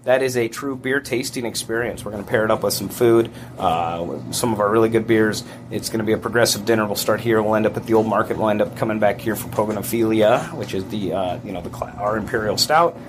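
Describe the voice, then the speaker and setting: A man who runs a brewery, talking as a guest in a relaxed, rambling way with enthusiastic restarts. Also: fairly low pitch, fast talker, few pauses, noisy background. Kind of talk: casual interview chat.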